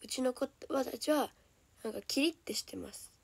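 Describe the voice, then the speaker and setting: A young woman with a Kansai accent chatting casually on a solo livestream, her voice hoarse and lower than usual, chatty and giggly and often dropping into soft whispers. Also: moderate pace, no echo. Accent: Kansai Japanese. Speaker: idol livestreamer.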